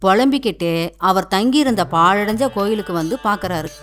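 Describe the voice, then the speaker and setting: A woman's voice: medium pitch, expressive, brisk, fairly bright tone, faint music behind. A woman narrating a cartoon folk tale in a storyteller's manner, with a Tamil accent.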